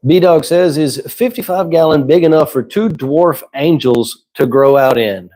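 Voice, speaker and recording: Speaking unhurriedly in a slightly high voice, a livestream host who is losing his voice keeps things casual. He converses easily and replies to viewers' chat questions.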